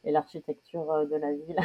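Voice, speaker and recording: A woman in her thirties from France chats through an interview on a dull, lo-fi recording. Her voice sits a little low. She hesitates often and breaks into laughter. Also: mellow, husky. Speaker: interview guest. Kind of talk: casual conversational interview. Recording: dull lo-fi sound.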